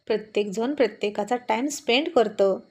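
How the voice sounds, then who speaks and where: A meek young man who soothes and pleads with his demanding girlfriend, as a woman storyteller reads his lines. The voice stays soft and fairly high, plainly her own, in a spoken storybook. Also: moderate pace, natural voice. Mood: pleading.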